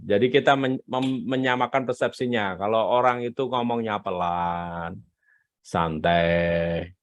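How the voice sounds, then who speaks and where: A man giving a live business coaching talk on selling, emphatic and animated, repeating his key points. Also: fairly low pitch, gravelly, no room sound, highs cut off.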